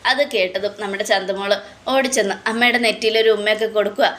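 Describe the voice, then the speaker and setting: A woman's voice: medium pitch, steady tone, fast talker, a bit bright. A woman narrating a TV serial recap in a chatty, casual storytelling way, with fillers between scenes.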